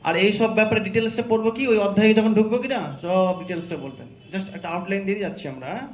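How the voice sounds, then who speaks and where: High-voiced man quizzing a scripture class. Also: fast. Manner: quizzing the class with repeated check questions. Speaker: religious class teacher. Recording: echoey hall with crowd.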